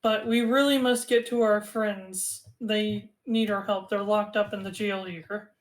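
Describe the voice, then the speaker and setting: A woman voicing a shrill, squeaky young moth-like woman in a tabletop game. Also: fairly even intonation, unhurried, natural voice. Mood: earnest. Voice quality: high-pitched, squeaky.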